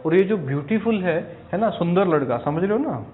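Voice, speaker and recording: A male teacher explains grammar patiently and step by step, repeating key terms and pausing to check that his students follow. His voice sits fairly high for a man. The recording sounds thin and phone-like, with a hollow echo from the room. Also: animated, slight background noise. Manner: repeats key words for stress. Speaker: English teacher. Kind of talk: recorded video lesson for exam aspirants.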